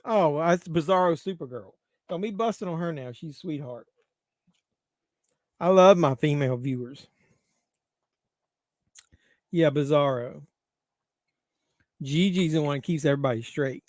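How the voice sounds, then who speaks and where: Casual watch-along host, man, middle-aged, raunchy joking, a bit high-pitched, dry room. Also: measured pace, long pauses, a little mellow, dry recording. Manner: crude, joking banter with chat. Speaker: livestream host.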